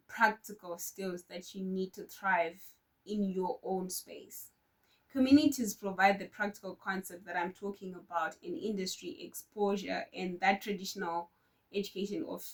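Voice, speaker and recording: Woman giving a tech talk, earnest and measured, sounds a little distant from the mic. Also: medium pitch. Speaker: conference speaker. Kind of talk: prepared conference talk.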